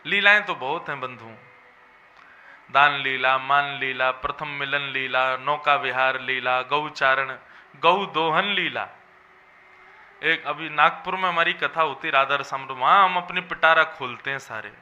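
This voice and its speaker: A man's voice: mid-range voice, unhurried, pushed and bright, dull audio. A man giving a devotional sermon as a religious storyteller, preaching in an emphatic, melodic way. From Vrindavan region.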